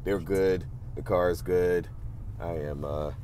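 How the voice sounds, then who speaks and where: A man casually narrating a car vlog, relaxed and full of fillers, filmed on a phone. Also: low voice, slow pace, a little hiss or hum. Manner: relaxed, filler-heavy talk. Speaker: car vlogger. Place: muffler shop, then inside a car.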